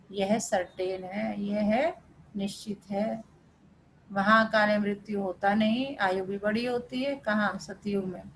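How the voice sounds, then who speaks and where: Lady teaching a spiritual class on a call, kinda gravelly voice, explains slow and patient with home examples, little hiss behind. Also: medium pitch, poor audio. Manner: explains patiently with everyday examples, code-switching into English words. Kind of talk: explaining a scripture reading to an online class.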